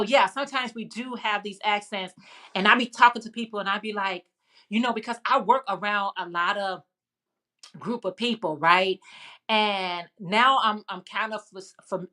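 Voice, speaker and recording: A livestream host with a Chicago accent chats casually and answers what viewers write, rambling along. Her mid-range voice has a sharp tone, and her speech is full of fillers and restarts.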